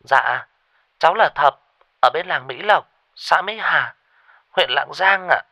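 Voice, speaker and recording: A man's voice: expressive, takes it slowly, pushed and bright, no room sound, full character voice. A man voicing a polite young ferrywoman, in a told ghost story. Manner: polite, stammering falsetto.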